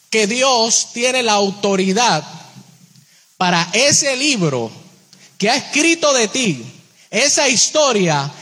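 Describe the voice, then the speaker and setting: High-voiced preacher in an echoing hall. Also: male voice, fairly bright tone. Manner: addresses listeners directly with rhetorical questions; slows down on key phrases, shifts pitch a lot. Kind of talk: sermon. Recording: long hall reverb.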